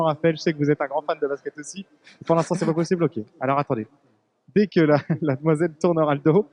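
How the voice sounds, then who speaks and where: A man's voice: fairly high pitch, darkish tone. A young man reporting live from a busy fair hall, chatty and joking. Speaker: field reporter.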